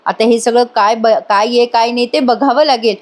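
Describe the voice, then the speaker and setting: A woman voicing an annoyed young married man complaining about a colleague, in her own slightly high voice. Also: normal speed, lightly acted. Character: irritated young married man, elder brother.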